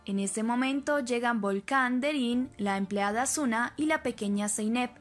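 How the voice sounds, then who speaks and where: A woman with a fairly high voice reads a scripted story recap in an even, steady way. She quotes each character's lines in her own voice rather than acting them out. Quiet background music plays under her narration. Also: measured pace.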